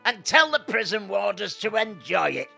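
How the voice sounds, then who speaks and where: A man's voice: sits high, sing-song, moderate pace, creaky, bright, forceful tone, slightly rough, soft background music, full character voice. A man voicing a harsh, bigoted male judge who hands out absurd sentences in a blustering, pompous manner.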